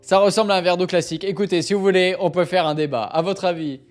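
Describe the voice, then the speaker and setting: A man's voice: high voice, fairly even intonation, fast. A man hosting a live stream, chatting casually and playfully, often laughing as he reads out suggestions. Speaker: livestream host.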